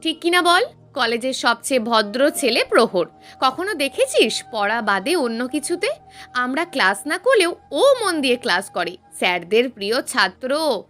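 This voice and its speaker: Woman playing mocking girl friends, goading, high bright voice. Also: very animated, moderate pace, faint music behind. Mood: taunting. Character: teasing young female college friends.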